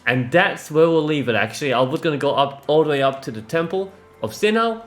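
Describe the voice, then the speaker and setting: A man giving casual, excitable commentary while playing a video game, often exclaiming and tripping over words. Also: on the high side, a little fast, faint music behind. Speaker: gaming video host.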